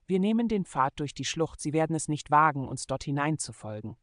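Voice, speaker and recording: A man's voice: a little high, big pitch swings, fairly quick, a bit bright, dry recording, studio quality. A male reader voicing a terse male leader of riders in an audiobook, giving short, urgent commands. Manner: curt, commanding.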